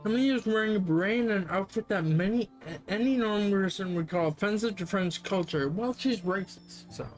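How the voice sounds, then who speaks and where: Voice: mid-range voice, fairly quick, hardly any pauses, faint music behind. A streamer reading a dating game aloud on a live stream, with sarcastic, swearing asides. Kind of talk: live game read-through with commentary.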